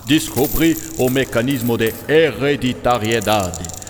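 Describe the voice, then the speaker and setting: Man playing Mendel, a kindly, animated monk. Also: mid-range voice, a little slow, slight background noise, close to an everyday voice. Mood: enthusiastic, patient. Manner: didactic, peppers speech with German words. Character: Mendel, kindly Austrian monk scientist, patient and enthusiastic. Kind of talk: radio drama acting. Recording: reverberant hall, music behind.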